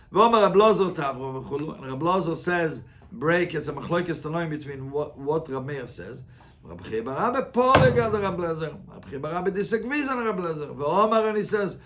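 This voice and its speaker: On the high side with a fairly bright tone, a man teaches Talmud as a rabbi. His interactive lesson proceeds line by line through reading and translation, punctuated by emphatic questions and phrases said again and again.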